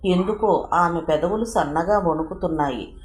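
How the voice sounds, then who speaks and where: Low-voiced woman narrating a novel. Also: darkish tone. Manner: measured storytelling. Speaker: audiobook narrator. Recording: roomy echo, faint hiss.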